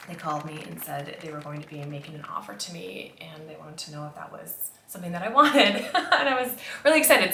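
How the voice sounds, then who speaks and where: Casting: American female beauty vlogger, slightly low pitch, reflective conversational delivery, roomy indoor sound. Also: pushed and bright, a little hiss or hum. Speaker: makeup vlogger. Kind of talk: casual chat to camera.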